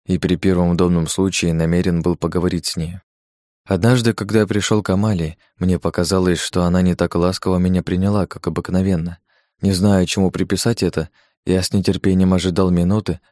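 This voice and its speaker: Deep-voiced man narrating an audiobook. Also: mellow, no echo, clean studio sound. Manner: measured, old-fashioned storytelling.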